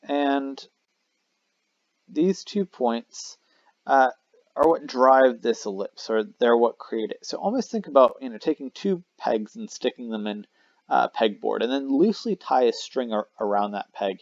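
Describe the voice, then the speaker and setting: Gravelly male math teacher, dry recording. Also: mid-range voice, expressive, measured pace, no echo. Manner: casual, self-correcting explanation with fillers. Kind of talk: recorded math lesson at a whiteboard. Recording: dry, slightly dull lo-fi mic.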